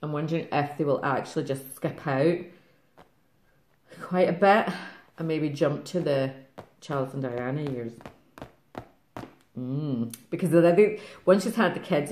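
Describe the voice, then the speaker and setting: Casting note: middle-aged Scottish woman, low-pitched, rambling craft-vlog chatter, roomy echo. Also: darkish tone. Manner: rambling, fast-talking, laughs often. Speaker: craft vlogger. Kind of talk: casual chat to camera.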